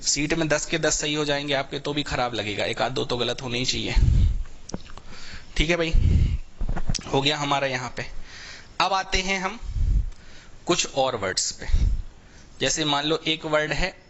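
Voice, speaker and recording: तेज़ आवाज़ में पढ़ाता पुरुष शिक्षक. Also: male voice, fairly high pitch, measured pace, pauses often, pushed and bright, a little hiss or hum. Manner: repetitive, checks in often with "theek hai bhai". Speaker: English teacher for exam preparation. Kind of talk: live online class lecture.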